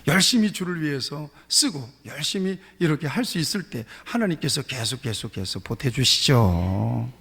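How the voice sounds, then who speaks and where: A man's voice: fairly high pitch, animated, moderate pace, creaky, hardly any pauses, a bit bright, breathy edge. A male pastor preaching a sermon in a church sanctuary, emphatic, often repeating his key phrases. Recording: reverberant church hall.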